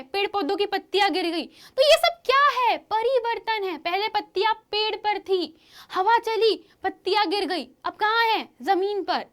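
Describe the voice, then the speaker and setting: A woman teaching a science lesson to schoolchildren, with a lively, questioning manner, often asking the class to answer. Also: very high voice. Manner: lively, questioning, addresses pupils as children.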